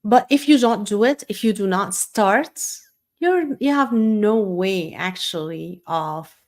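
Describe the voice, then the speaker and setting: A woman from Syria whose first language is Arabic hosts an unscripted live talk, speaking slowly in a mid-range voice. Her delivery is loose and rambling, with frequent fillers and restarts.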